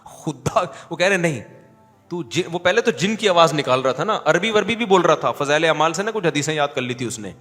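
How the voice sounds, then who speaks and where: A man's voice: a little high, few pauses, long reverb tail. Man telling stories in a sermon. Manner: animated, joking storyteller. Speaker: religious scholar. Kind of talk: sermon storytelling.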